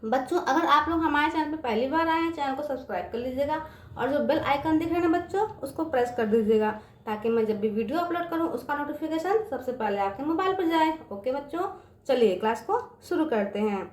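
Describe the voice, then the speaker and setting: High-voiced woman teaching children. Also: animated, fairly quick, roomy sound. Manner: patient, repetitive, often asks "समझ में आ गया बच्चों?". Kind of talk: online English lesson for children.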